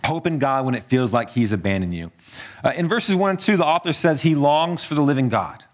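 A man preaching a sermon as pastor, earnest, moving between hushed low passages and raised emphatic ones. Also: animated, a little fast.

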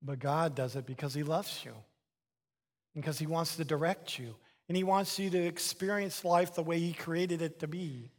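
A male pastor delivers a lively sermon in a church sanctuary, his voice sitting a little high for a man. He preaches with animated emphasis and repeats key phrases for effect. The room carries a long, lingering reverb. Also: moderate pace. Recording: long reverb of a large hall.

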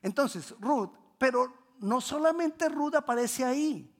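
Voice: high voice, expressive, takes it slowly. A Bible class teacher retelling a scripture story, repeating phrases for emphasis, correcting slips mid-sentence and quizzing the class. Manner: repetitive, emphatic teaching, asks the class questions.

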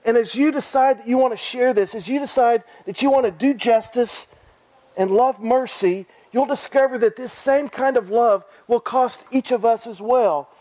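A man with a high voice preaches an earnest sermon. He repeats his phrases and puts direct questions to his listeners. The sound is dry and close, with no room echo. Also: normal speed, darkish tone.

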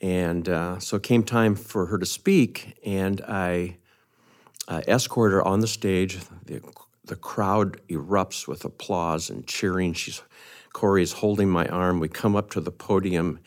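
An older pastor speaks on a podcast in a very deep voice. He tells his story in an easy, anecdotal way and makes fun of himself as he goes. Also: fairly even intonation, a little slow.

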